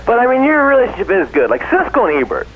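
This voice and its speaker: Over a dull, lo-fi phone line with faint noise, a man calls in to a radio show for a casual chat. His voice is extremely high with wildly swooping pitch, and he talks fast, rambling with lots of fillers.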